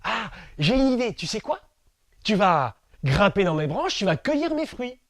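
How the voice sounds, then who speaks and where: A man voicing a kindly old talking tree in a told story, soft and coaxing like a patient father. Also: sits high, big pitch swings, moderate pace, no echo, studio quality.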